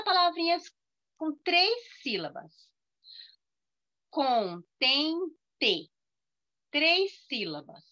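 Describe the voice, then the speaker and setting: A woman teaching young children over a video call, her voice bright and sharp with a lively, swooping melody. She speaks slowly and patiently, drawing out each word syllable by syllable. The sound is dull and lo-fi. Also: on the high side. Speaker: primary school teacher. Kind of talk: online class for young children.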